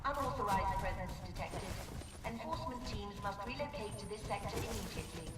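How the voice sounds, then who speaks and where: Stern security system announcer. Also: female voice, mid-range voice, brisk, far from the mic, very noisy. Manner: cold, clipped official warnings. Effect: public address loudspeaker. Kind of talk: game announcement. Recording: echoey loudspeaker from afar, loud gunfire. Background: gunfire and vehicles.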